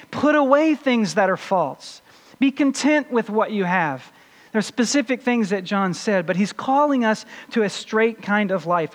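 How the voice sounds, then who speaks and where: A man with a notably high voice preaches a teaching sermon, asking questions of his listeners and then answering them. His words ring out with a long reverb from a large church sanctuary. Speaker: pastor.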